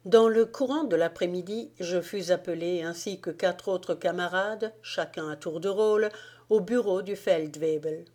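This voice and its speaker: Woman audiobook reader, measured and unhurried, lowish voice. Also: dark tone. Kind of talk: audiobook narration of a wartime memoir.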